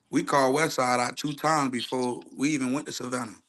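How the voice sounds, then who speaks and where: Taking the coach's side in a casual, argumentative sports chat, a youth football coach appearing as a show guest gets emphatic and slangy, repeating phrases to press his point. His voice is mid-range and a bit bright.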